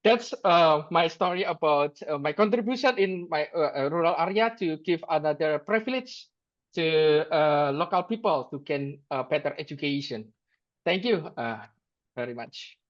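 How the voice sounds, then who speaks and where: A man, giving a halting presentation on a video call, full of fillers and restarts. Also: a little high, lively intonation. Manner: hesitant, many fillers and restarts. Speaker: delegate presenting his school. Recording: muffled video call audio.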